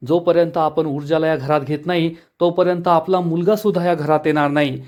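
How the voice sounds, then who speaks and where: A man's voice: on the high side, fairly even intonation, fairly quick, darkish tone, natural voice. A man playing a stern scheming father. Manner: firm, commanding. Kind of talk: dramatic reading of a TV serial recap.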